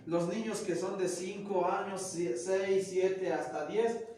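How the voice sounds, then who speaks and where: A man's voice: high voice, fairly even intonation, slow, dark tone, a little hiss or hum. A man teaching classical languages in a classroom lecture, methodically explaining grammar term by term. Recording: echoey room, mic far off.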